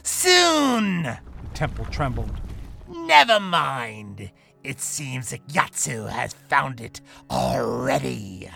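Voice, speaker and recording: A man voicing a cruel, gloating ghoulish woman villain in an audio drama, taunting in a drawn-out, gravelly way. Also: mid-range voice, sing-song, pushed and bright, full character voice.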